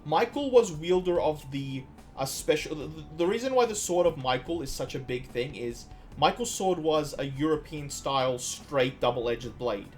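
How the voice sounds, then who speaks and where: A man's voice: fairly high pitch, lively intonation, normal speed, faint music behind. A man from Iceland streaming a game, chatting casually and drifting into long trivia asides with frequent restarts. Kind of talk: casual gameplay commentary.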